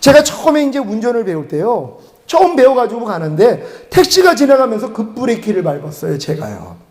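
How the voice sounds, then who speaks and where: Very high-voiced, lively male preacher. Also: a little fast. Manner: animated storytelling, chuckling as he tells it. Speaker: preacher giving his testimony. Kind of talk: revival sermon testimony.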